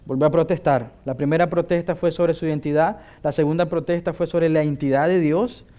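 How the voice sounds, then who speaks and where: High-voiced man preaching emphatically. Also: fairly even intonation, fairly quick, mellow, highs cut off. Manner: emphatic, asks listeners rhetorical questions. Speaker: pastor. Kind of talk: sermon.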